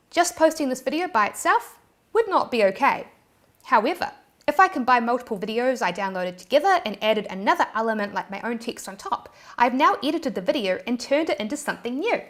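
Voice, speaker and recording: Upbeat New Zealand woman explaining. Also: on the high side. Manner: cheerful, bursts of "yay" and "woohoo". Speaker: online tutorial host. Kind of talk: upbeat scripted tutorial.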